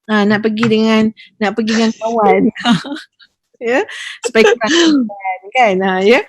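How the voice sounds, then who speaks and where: A woman's voice: on the high side, a little slow, dry recording. A woman religious teacher, telling stories with feeling in a podcast chat. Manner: lively storytelling, lively with emotion.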